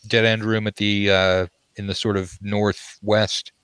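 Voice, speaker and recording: A man with a lowish voice narrates a tabletop game as its game master. He feels his way through descriptions, halting to find the word, in a close, dry recording. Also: little pitch movement, fairly bright tone, clean tone, dry recording. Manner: halting, searching for words.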